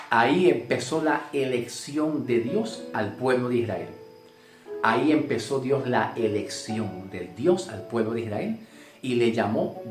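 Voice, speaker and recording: A man from Puerto Rico with a Puerto Rican accent, preaching a sermon, emphatic and repetitive, often checking in with "ok?". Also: mid-range voice. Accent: Puerto Rican Spanish. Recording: roomy sound with faint guitar music.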